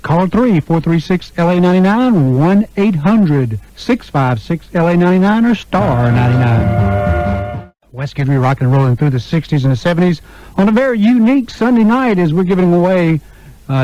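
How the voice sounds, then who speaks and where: The recording, a dull and lo-fi radio aircheck tape, catches a man hosting an oldies show, his high-pitched voice warm and the sound dry. A DJ and interviewer, he speaks into a close broadcast microphone in the studio with upbeat, chatty, informal patter.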